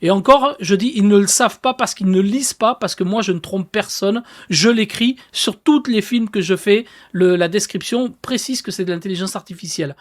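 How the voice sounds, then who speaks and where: A woman's voice: medium pitch, normal speed, hardly any pauses. A woman giving a casual explainer about AI, talking emphatically and directly to viewers with lots of fillers. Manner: emphatic, animated with fillers like "du coup" and "bah"; addresses viewers directly and informally. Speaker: AI content creator.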